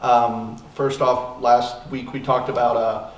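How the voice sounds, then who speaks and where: Casual host, rambly with fillers, mid-pitched man, roomy far-off mic and faint noise. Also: little pitch movement, slow pace. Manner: rambling, lots of ums and uhs. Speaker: podcast host. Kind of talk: casual podcast chat. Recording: echoey room, distant mic, faint noise.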